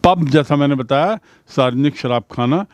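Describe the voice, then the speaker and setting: A man teaching English vocabulary, saying example sentences slowly and explaining them in Hindi. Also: medium pitch, darkish tone, no room sound.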